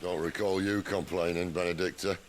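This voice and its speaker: A man playing a gruff, defiant middle-aged rebel leader in a video game, dry, curt and wry in manner. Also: sits low, steady tone, normal speed, a little hiss or hum, natural voice. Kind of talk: dramatic video game acting.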